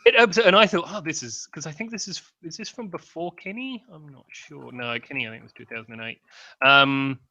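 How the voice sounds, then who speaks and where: A man's voice: a little high, brisk, pushed and bright, dry recording. A man, casually reviewing a film with a wry, rambling manner and many fillers. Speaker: film review podcast host.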